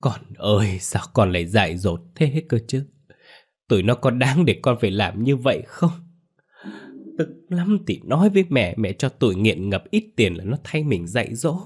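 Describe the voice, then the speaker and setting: A man's voice: lowish voice, expressive, moderate pace, husky. A man doing a tearful, doting middle-aged mother. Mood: weeping. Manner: pleading, weeping.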